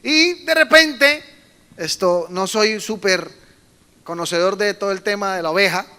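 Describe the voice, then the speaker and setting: High bright-voiced pastor preaching. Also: male voice, unhurried, clear, resonant tone. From Colombia. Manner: animated storytelling, acts out quoted voices, emphatic bursts. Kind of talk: sermon to a youth meeting.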